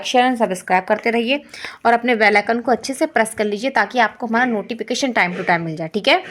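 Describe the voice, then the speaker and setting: A woman teacher giving an online exam-prep lesson, who repeats each point as a question and keeps checking in with "ठीक है". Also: fairly high pitch. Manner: frequent checking "ठीक है" fillers.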